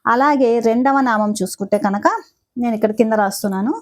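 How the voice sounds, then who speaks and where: A woman teaching how to pronounce a devotional chant, patiently breaking the names into syllables and repeating them with slow, careful recitation. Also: fairly high pitch. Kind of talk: slow pronunciation lesson.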